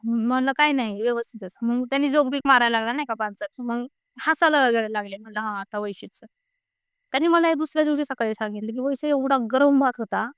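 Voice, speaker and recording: A woman's voice: a little high, fast, clean tone, no echo, studio quality. A young woman casually recounting her own frightening experience, retelling what everyone said in quoted bits. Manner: animated retelling with repeated quoted speech. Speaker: guest telling her own ghost experience. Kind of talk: casual spoken storytelling.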